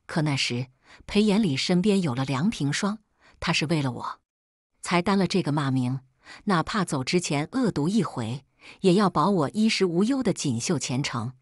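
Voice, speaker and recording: A woman narrating a scripted first-person story in a measured, plaintive way. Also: low-pitched, expressive, slightly rough, no room sound, clean studio sound.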